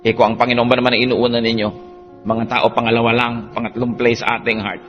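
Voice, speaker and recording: A male preacher delivers a sermon in a mid-pitched voice. He is animated, dropping soft and then rising to emphatic, lifted lines. Faint instrumental music plays behind him. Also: fast, dull audio.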